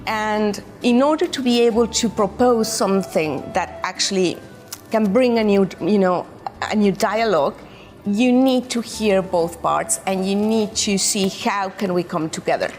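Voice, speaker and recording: A woman's voice: mid-range voice, measured pace, darkish tone, soft background music. A woman from Mexico with a Mexican accent, a documentary director answering interview questions in a reflective, searching way with frequent restarts.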